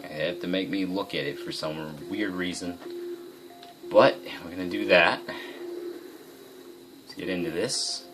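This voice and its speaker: Brief: low-voiced male gamer, loose rambling play-by-play, game music playing underneath. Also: a bit bright. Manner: rambling, self-correcting, thinking aloud. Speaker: gaming video host. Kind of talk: casual gameplay commentary.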